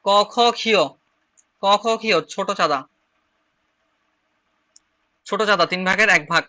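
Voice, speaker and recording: A man's voice: high voice, normal speed, bright, forceful tone. A man from Bangladesh with a Chittagong Bengali accent, teaching an online shorthand class and repeating each step patiently. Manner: repetitive, drilling, step-by-step explaining.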